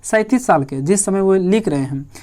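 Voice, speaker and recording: Guy teaching exam prep in hindi, says everything twice, asks then answers himself, reads english lines slow. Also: sits high, lively intonation, darkish tone. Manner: repeats each point, asks questions then answers them himself; reads English quiz lines slowly, word by word.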